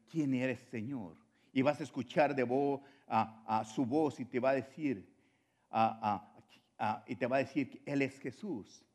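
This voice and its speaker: A man preaching a sermon, moving between loud exhortation and quiet, low drops.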